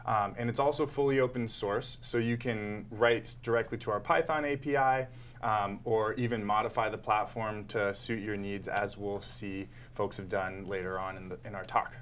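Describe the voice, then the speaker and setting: A man appearing as a guest on a live web show, calmly explaining his company's product in an explanatory pitch. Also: moderate pace, a little hiss or hum. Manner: composed, explanatory pitch delivery. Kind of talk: explaining to an interviewer.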